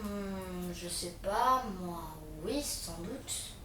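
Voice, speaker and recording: A woman's voice: medium pitch, very slow, bright, forceful tone, roomy sound, distant mic, slight background noise. A woman playing an irritated older sister who answers with snappy, impatient retorts. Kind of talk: amateur theatre acting.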